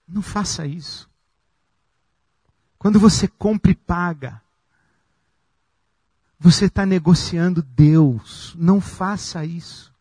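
Slow, dark-voiced preaching pastor, a man. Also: high voice, slightly rough, no room sound. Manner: slow, emphatic preaching with long pauses. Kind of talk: sermon.

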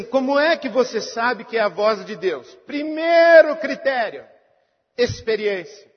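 A man delivers a sermon in a high, husky voice. He is earnest, pressing some lines hard and letting others fall to a near hush. The recording is dull and lo-fi, with a long reverb trailing off the walls of a large hall. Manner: earnest, swings between emphatic and hushed. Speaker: pastor.

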